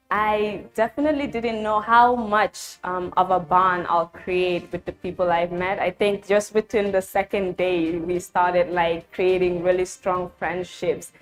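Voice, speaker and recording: A woman sharing her experience of a youth forum in a casual, enthusiastic way. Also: fairly low pitch. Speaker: forum participant. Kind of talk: testimonial interview.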